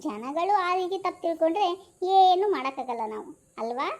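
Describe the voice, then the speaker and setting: A woman's voice: extremely high pitch, lively intonation, brisk, a little mellow. A woman playing a fussy, kind-hearted grandmother aunty in a comic skit, fond and scolding.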